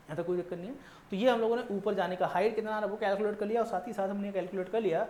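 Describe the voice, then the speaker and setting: A man's voice: sits high, steady tone, racing, darkish tone. A male physics teacher giving a classroom lecture, asking questions and answering them himself, repeating each point and checking in with students. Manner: tags nearly every line with "ठीक है ना". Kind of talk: classroom lecture mixing Hindi and English. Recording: echoey room with faint background noise.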